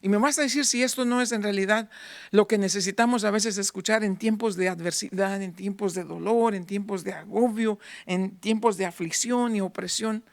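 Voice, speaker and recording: A man in his fifties preaching a sermon in church, moving between fervent raised passages and hushed near-whispers. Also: sits high, steady tone, normal speed, gravelly, no echo. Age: 50s. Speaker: pastor.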